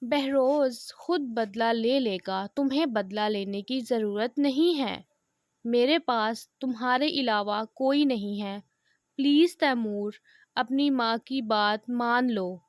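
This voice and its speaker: A woman's voice: on the high side, slow pace, dry recording, studio quality. A woman voicing an anxious, pleading mother. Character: worried, pleading middle-aged mother. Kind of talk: audio novel reading.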